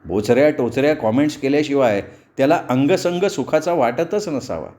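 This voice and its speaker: A man reading a novel aloud as a storyteller, measured and expressive. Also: mid-range voice. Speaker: audiobook storyteller. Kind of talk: novel narration.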